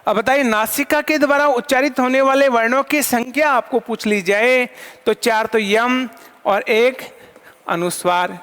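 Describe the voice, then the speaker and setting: A man's voice: very high-pitched, measured pace, a bit bright, clean tone. A man teaching an online lesson, asking questions and answering them himself and counting items aloud. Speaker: Sanskrit teacher. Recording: long hall reverb.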